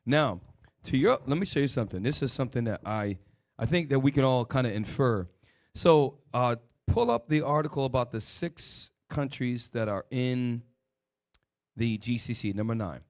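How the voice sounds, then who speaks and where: A religious teacher leads a discussion session, firing off rhetorical questions and giving short commands to an assistant. His voice is mid-range, and he speaks at a moderate pace.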